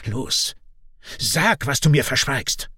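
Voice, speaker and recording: A man voicing a hot-tempered clansman who shouts harshly and scornfully, in a dry audiobook recording. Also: medium pitch, animated, slow pace, husky, dry recording, voice pushed up, exaggerated voice. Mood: furious. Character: angry, hot-tempered man, clan homeowner. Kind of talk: audiobook character voice.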